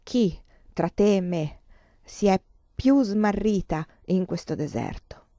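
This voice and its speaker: A woman's voice: medium pitch, lively intonation, slow pace, mellow, no echo. A woman voicing a proud, despairing woman who speaks with anguish and pleading, in a dull lo-fi recording.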